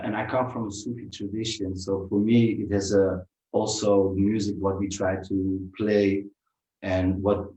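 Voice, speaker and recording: A man from Turkey speaks English, his voice low and deep. He talks in a measured, hesitant way with many pauses and fillers. He sounds some way from the mic, in a roomy, echoing space. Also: darkish tone. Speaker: musician guest. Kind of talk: festival talk in English. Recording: roomy, from far off.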